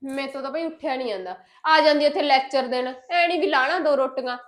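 Woman acting as a lazy young wife, sharp-tongued, defiant, high voice, rapid talk, family drama. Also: close to an everyday voice. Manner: defiant, bickering.

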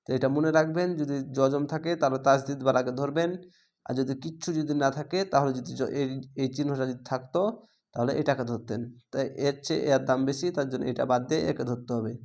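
A man's voice: mid-range voice, fairly even intonation, quick pace, darkish tone. A man teaching Quran reading, spelling out each syllable letter by letter and drawing out the long vowels in a patient lesson. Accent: Bangladeshi Bengali. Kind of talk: slow spelled-out recitation lesson.

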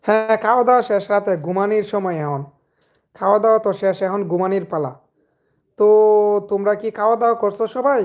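A hoarse young man, chatting casually with viewers on a live stream and greeting commenters by name. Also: sits high, fast, long pauses, lo-fi sound. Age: young adult.

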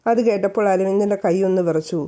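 A woman's voice: medium pitch, fast talker, dark tone. A woman narrating a romance story aloud and reading every character's lines herself.

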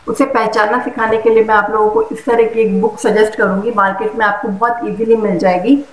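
Woman, higher voice, how-to lesson for parents, clear step-by-step explaining, echoey room. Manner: explains step by step, sings letters slowly and clearly. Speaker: home teaching guide for mothers.

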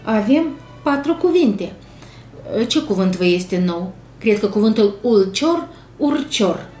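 A woman with a Moldovan Romanian accent, a primary school teacher giving a video lesson to young children, speaking slowly and clearly and sounding out syllables in an encouraging way. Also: medium pitch, animated, warm tone, faint music behind. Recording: echoey room, faint background noise.

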